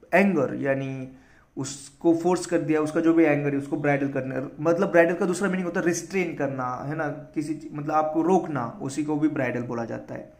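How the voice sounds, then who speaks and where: Echoey, higher-voiced Indian vocab teacher. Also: male voice, darkish tone. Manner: spells words letter by letter, explains in Hindi. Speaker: vocabulary teacher for exam prep. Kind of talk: casual spoken lesson.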